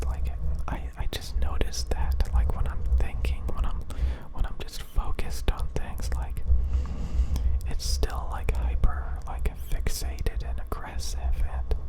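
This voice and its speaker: A person speaking entirely in a breathy, unvoiced whisper, rambling in a halting, repetitive way in the style of ASMR. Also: poor audio. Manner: rambling, halting, repeats words and phrases. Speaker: ASMR video creator.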